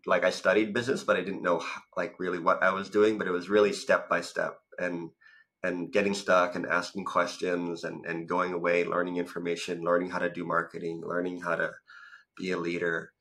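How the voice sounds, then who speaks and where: Here a low, pushed, bright voice belongs to a man from Thailand in his thirties, a founder and business coach. As a guest in a relaxed interview, he tells the story of his business path and says "like" constantly. He joins by video call from a home room and speaks into a front-facing studio mic.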